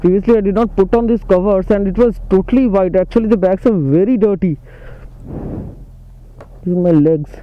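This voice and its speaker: A man's voice: sits high, a little fast, pauses often. A man with an Indian accent casually narrating his motorcycle trip aloud as a travel vlogger, outdoors on the road. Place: outdoors on a motorcycle on mountain roads. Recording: narrow phone-like sound, faint vehicle noise.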